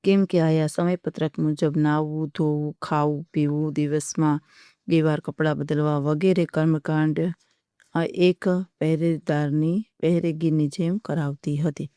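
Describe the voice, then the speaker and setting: A teacher welcoming students and dictating workbook answers question by question, in a steady, methodical way. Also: mid-range voice, measured pace, smooth, dry recording, studio quality.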